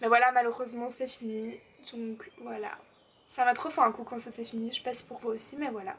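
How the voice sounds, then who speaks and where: Bubbly high-voiced teen girl. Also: steady tone, a little fast. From Belgium. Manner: chatty and bubbly, lots of fillers and "genre". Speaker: YouTuber answering viewer questions. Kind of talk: casual Q&A vlog. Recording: slightly distant mic, faint background noise.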